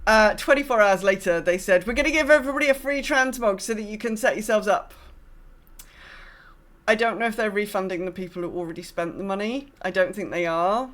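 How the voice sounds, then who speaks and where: On a casual gaming podcast, a female co-host chats in a discursive way, thinking out loud as she goes. Her voice sits at a medium pitch, slightly bright, and she talks briskly.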